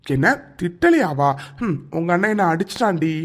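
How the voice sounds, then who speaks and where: A man's voice: high voice, lively intonation, normal speed, faint music behind. Teasing, exasperated young cartoon lover voiced by a man. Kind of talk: cartoon dialogue.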